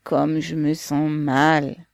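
A woman voicing a dying man who speaks weakly in a hoarse whisper. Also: low-pitched, level tone, very slow, no echo, full character voice. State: faint and hoarse.

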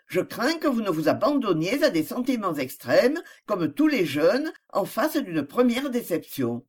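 The reader voicing a reserved grown man who hides deep passion, speaking in a measured, grave way. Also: very animated. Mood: restrained. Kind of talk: audiobook character reading.

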